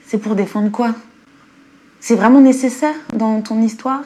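A woman speaking in an interview in an animated way, firing off questions. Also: a little high, unhurried. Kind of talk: documentary interview.

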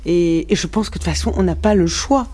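A woman's voice: lowish voice, a little fast, dark tone. A woman from Morocco, speaking frankly as a musician guest in a radio interview, with many restarts and fillers.

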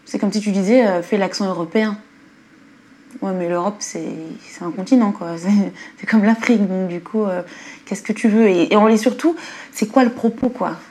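A woman speaking in an interview in an animated way, firing off questions. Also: mid-range voice, normal speed. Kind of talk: documentary interview.

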